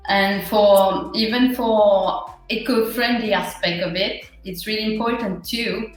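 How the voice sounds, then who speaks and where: A woman with a Mauritian accent talks slowly and haltingly, as a guest in an interview. She sounds earnest and conversational. The room rings with heavy echo, and faint music sits behind her voice. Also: medium pitch, fairly even intonation. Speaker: interview guest, small business owner.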